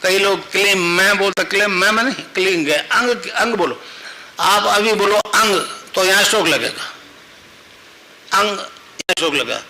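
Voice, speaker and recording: A man's voice: sits high, normal speed, creaky, pushed and bright, slight background noise, low-quality recording. A man speaking as a spiritual guru to his followers, plain-spoken and repetitive, at times leading the listeners through a chanted mantra.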